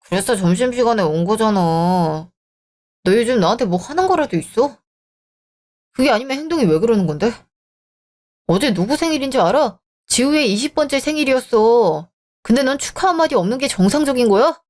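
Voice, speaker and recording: A woman's voice: a little high, lively intonation, fairly quick, darkish tone, close to an everyday voice. A woman voicing a selfish, dismissive young married man in a radio drama, talking scornfully. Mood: angry. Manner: scornful, bickering. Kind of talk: Korean radio drama acting.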